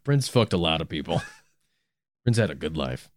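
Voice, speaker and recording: A man's voice: extremely low pitch, sing-song, moderate pace, no room sound. An American man co-hosting a comedy podcast in casual, goofy, sweary banter.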